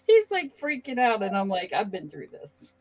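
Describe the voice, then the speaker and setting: A woman's voice: mid-range voice, low-quality recording. Chatty storytelling woman. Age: middle-aged. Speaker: host. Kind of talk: casual chat.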